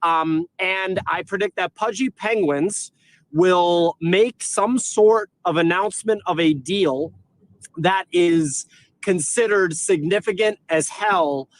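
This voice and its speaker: A man's voice: high voice, lively intonation, slow, no echo, poor audio. A man co-hosting a live stream from a remote call, brashly listing bold numbered predictions while his audio keeps cutting out. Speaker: co-host making predictions. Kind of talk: casual live-stream panel talk.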